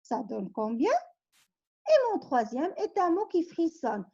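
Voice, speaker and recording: A woman's voice: high voice, sing-song, slow, mellow, muffled recording. A woman teacher reading word riddles to her pupils, patiently coaxing them with questions and hints. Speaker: primary school teacher.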